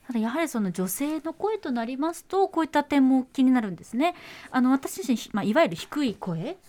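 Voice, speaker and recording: A woman's voice: sits high, very animated, brisk, warm tone. A woman announcer training in sports commentary, speaking in earnest, thoughtful, carefully built sentences. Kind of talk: reflective chat.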